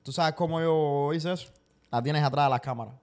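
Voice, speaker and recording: A man talking fast and emphatically in a relaxed podcast conversation. His voice sits a little high, and he often repeats quick agreements back to the other speaker. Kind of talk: casual chat.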